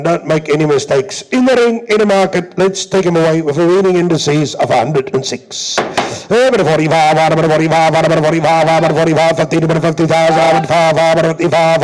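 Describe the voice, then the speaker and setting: The speaker is a South African auctioneer selling livestock, his patter showy and emphatic and his chant rhythmic and repetitive. A little high and a little mellow, his voice comes through a low-quality recording.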